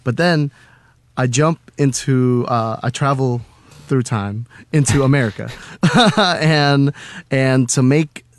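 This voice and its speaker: A man's voice: medium pitch, slow pace. A young man from Indonesia, a college student and slam poet, chatting casually as a radio guest with lots of fillers and laughs. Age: young adult. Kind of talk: casual interview chat. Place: radio studio.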